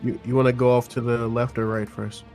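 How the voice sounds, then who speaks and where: A man chats as a tabletop player, halting and unsure as he plans. His pitch is a typical middle register for a man. Soft music plays faintly behind him. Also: little pitch movement. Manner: hesitant, halting. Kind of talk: casual game chat.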